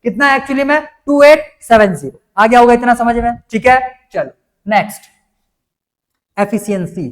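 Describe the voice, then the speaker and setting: Male teacher, very high voice, explains step by step and keeps checking the class follows. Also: normal speed. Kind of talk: classroom lecture.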